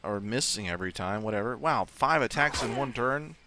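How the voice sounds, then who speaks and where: A man's voice: mid-range voice, animated, brisk, noisy background. A man giving casual let's-play commentary, thinking aloud and swearing offhandedly. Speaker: gaming video host. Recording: faint game sound behind voice. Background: video game ambience.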